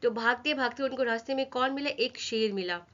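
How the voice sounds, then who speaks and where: A woman's voice: a little high, brisk, a bit bright. A woman teacher telling a children's story as a lesson, repeating lines and asking the class questions. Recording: dull lo-fi recording.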